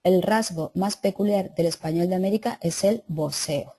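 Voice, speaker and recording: A woman's voice: lowish voice, moderate pace, dark tone, slightly rough. A woman teacher reading lesson notes aloud and adding casual asides to her students. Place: classroom or online class.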